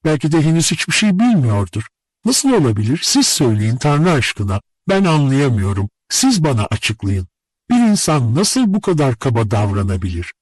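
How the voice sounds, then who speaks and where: A man's voice: fairly high pitch, expressive, a little slow, darkish tone, no room sound, voice pushed up, poor audio. A man voicing a heartbroken pleading young woman. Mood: distraught. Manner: tearful, pleading, breathless questions. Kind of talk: audiobook character reading.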